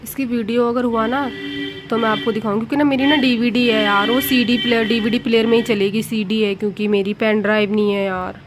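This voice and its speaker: A woman's voice: a little high, flat delivery, a little fast, over music. A woman in her thirties, a vlogger, chatting casually and with amusement as she walks through her wedding photos.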